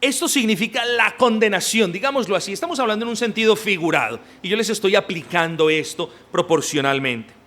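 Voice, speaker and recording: A man preaching in a church, his fairly high voice rising and falling widely. He speaks emphatically and turns often to his listeners, telling them what each part means for them. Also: expressive, a little fast, few pauses, fairly bright tone. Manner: emphatic, addresses the congregation directly. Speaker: pastor. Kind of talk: sermon.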